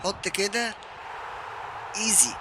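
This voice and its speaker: A young Egyptian man with an Egyptian accent, live-streaming a football game and giving excited commentary while he taunts his opponent. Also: high voice, slow, background noise. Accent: Egyptian Arabic. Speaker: gaming streamer.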